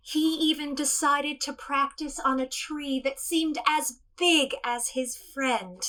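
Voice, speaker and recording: A woman playing a gentle, sincere princess who tells children a story in a soft, slow, soothing way, sometimes dropping to a whisper. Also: high-pitched, low-quality recording. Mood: storytelling.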